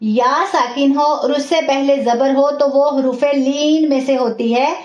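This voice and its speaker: A woman teaching Quran recitation in an online class, explaining patiently step by step and slowing down to model the sounds. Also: high voice, steady tone, darkish tone. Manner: greets and praises students by name. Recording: echoey, dull lo-fi room sound.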